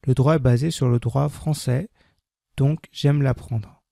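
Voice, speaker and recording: Speaking in a medium-pitched, dark and gravelly voice with fairly even intonation, a French teacher gives a slow scripted reading of a beginner text for learners. Each sentence is said twice with careful diction, and the close recording is dry, with no room sound.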